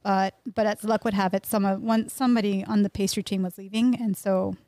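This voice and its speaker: A middle-aged pastry chef and bakery owner, born in Mexico and living in Miami, chats casually as a guest in a small indoor podcast room, close to a boom-arm studio mic and wearing headphones. Her medium-pitched voice is dark and level, fairly quick, and the recording is dry.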